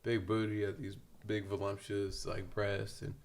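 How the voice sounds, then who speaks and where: Laughing young man, gravelly voice. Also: fairly low pitch, completely flat delivery, measured pace. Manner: laughing, rambling anecdote with slang. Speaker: guest. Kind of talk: casual storytelling.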